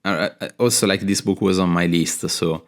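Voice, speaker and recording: A man's voice: low-pitched, fairly even intonation, normal speed. A man hosting a podcast interview, speaking hesitantly with many fillers and restarts. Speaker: podcast host. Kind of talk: casual interview chat.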